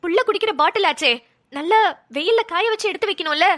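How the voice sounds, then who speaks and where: Cartoon role: calm older mother-in-law, done by a woman, very high and bright, dry close sound. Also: fast talker, dry recording. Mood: soothing. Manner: gentle, calming, endearing terms. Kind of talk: cartoon voice acting.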